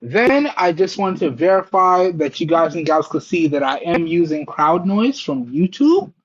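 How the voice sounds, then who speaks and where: In a muffled Bluetooth recording from his earbuds' mic, a man with a higher voice and big swings in pitch talks at a measured pace while trying out the wireless earbuds at home, a TV in the room. It's a casual product-test vlog, and he keeps chatting to "guys and gals" in a repetitive way.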